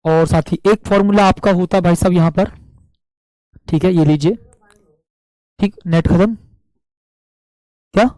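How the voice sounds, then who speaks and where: A man teaching a live online physics class with a sore throat, speaking slowly and drilling students with repeated questions and answers. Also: high-pitched, fairly even intonation, warm tone, no room sound, low-quality recording. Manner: asks viewers to comment answers.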